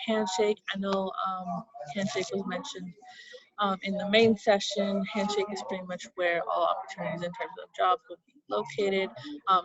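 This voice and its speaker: A woman's voice: mid-range voice, dull audio. A young woman, a student orientation leader, walks through campus web links in a chatty, upbeat way with lots of fillers, over a video call while hiccuping. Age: young adult. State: has the hiccups. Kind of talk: casual screen-share walkthrough.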